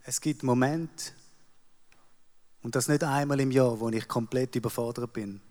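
A Swiss man around forty with a Swiss German accent, giving a theatrical sermon monologue that moves from ironic self-mockery to quiet confession. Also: medium pitch, moderate pace. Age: 40s. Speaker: church staff member speaking on stage. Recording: long hall reverb.

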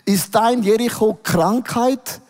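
A man preaching a sermon as a worship leader, emphatic and declaring, his voice swelling louder. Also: sits high, slow pace. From Switzerland. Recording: reverberant hall.

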